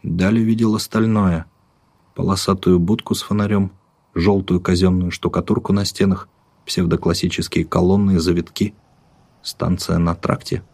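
A man reads a dark tale aloud in a measured, vivid way, lingering on rhythmic lists. His voice sits low and carries a husky grain. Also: flat delivery. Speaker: narrator. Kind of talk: dramatic audiobook narration.

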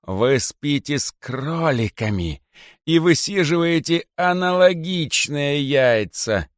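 A man voicing an old male python king who declaims slowly in bitter, theatrical outrage. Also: fairly high pitch, animated, dry recording, studio quality, pitched above the performer's own voice. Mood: bitter wailing. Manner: slow, drawn-out, wailing declamation.

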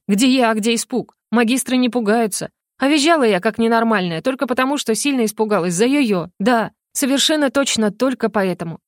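A woman narrating a first-person fantasy audiobook in a lively, ironic way. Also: fairly high pitch, no echo, clean studio sound.

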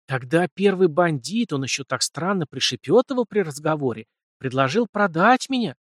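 A man voicing a timid young girl who asks slow, hesitant, puzzled questions. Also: a little high, lively intonation, a bit bright, dry recording, clean studio sound, voice pushed up. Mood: bewildered.

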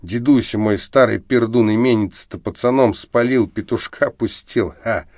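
A man's voice: mid-range voice, normal speed, darkish tone, dry recording, clean studio sound, lightly acted. A man voicing a drunk, bitter middle-aged academic who rants and slurs, slipping into lisping baby talk. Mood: maudlin boasting. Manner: slurred, ranting drunk outbursts, lapses into lisping baby talk.

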